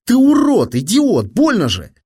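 A man's voice: sits high, wildly swooping pitch, measured pace, dark tone, husky, dry recording, studio quality, voice pushed up, exaggerated voice. A man voicing a fat, whiny teenage boy who squeals and mocks his friend in an audiobook. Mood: squealing. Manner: squealing, mocking.

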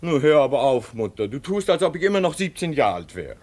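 A man's voice: on the high side, sing-song, darkish tone. An actor in a radio play voicing a man in his thirties, anxious and pleading that he is not mad. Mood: reassuring. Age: 30s. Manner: urgent, pleading, rushing. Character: anxious male driver, 36, fearing madness.

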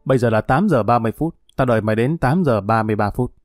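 A man's voice: medium pitch, expressive, rapid-fire, darkish tone, no room sound, clean studio sound, soft background music, close to an everyday voice. A man playing a cruel male pimp who speaks in a harsh, threatening, contemptuous way. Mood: menacing. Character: brutal male pimp, cold and menacing.

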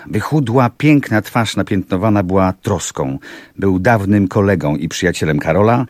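A man reading a classic novel aloud in measured, even literary narration for an audiobook. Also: on the low side, no echo, clean studio sound. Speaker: audiobook reader.

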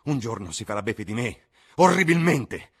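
A man's voice: medium pitch, very animated, moderate pace, slightly rough, voice pushed up. A man voicing a vain, desperate young man terrified of growing old, speaking in a strained, impassioned way. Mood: anguished.

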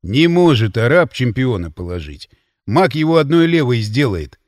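A male narrator voicing a cynical, seasoned mercenary with a low, slow drawl. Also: sing-song, dry recording, studio quality, natural voice. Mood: sardonic. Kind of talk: audiobook character voice.

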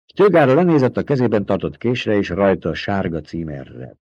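A man calmly reading a novel aloud as narrator. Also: fairly low pitch, dry recording. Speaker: audiobook narrator. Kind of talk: scripted narration. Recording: dull, dry recording.

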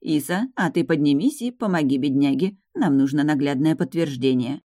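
A woman reading the part of a stern old grandmother who is a powerful high witch, speaking slowly and with command. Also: animated, dark tone, no echo, clean studio sound. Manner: slow, measured, commanding.

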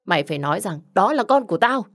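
A woman's voice: medium pitch, sing-song, fast, voice pushed up. Woman voicing a furious, bullying young husband. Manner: shouting insults, coarse and bullying. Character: angry jealous young husband, harsh and accusing.

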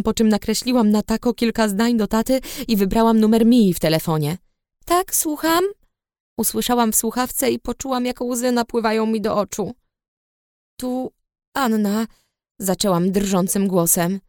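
A woman's voice: mid-range voice, dark tone, no echo. Woman narrating an audiobook, dry sound. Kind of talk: first-person audiobook narration.

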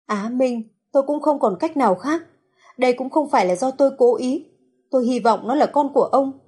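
A woman's voice: a little high, normal speed, darkish tone, husky. A woman voicing a grieving middle-aged mother who pleads tearfully with her dying son and her husband. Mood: guilty pleading.

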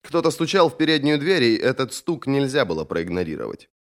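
A man narrating an audiobook with expressive, dramatic delivery. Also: mid-range voice, fairly quick.

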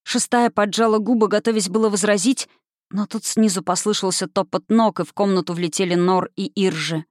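An audiobook narrator reading a fantasy novel in a steady, even storytelling voice, close to the mic. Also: mid-range voice, brisk, no room sound.

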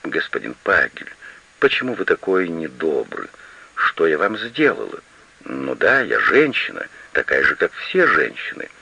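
A man's voice: very deep voice, very animated, a little slow, vocal fry, bright, forceful tone, slight background noise, exaggerated voice. A man reading an audiobook and voicing a proud, demanding woman who owns an estate, on a slightly lo-fi recording. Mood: pleading. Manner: insistent and demanding. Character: proud, pleading, imperious woman estate owner.

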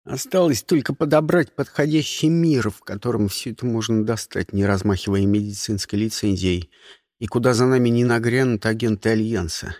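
A man playing a cold, measured young doctor. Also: a little mellow, dry recording, clean studio sound, close to an everyday voice. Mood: clinical. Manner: low, measured, unctuous. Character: cool, cold young male doctor, sardonic professional.

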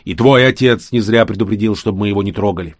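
Мужчина, читающий аудиокнигу, озвучивает осторожного молодого хвана, говорящего коротко и упрямо. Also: male voice, lowish voice, fast, no echo, studio quality, lightly acted. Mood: grim. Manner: terse, stubborn. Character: cautious young male khan, grim and blunt.

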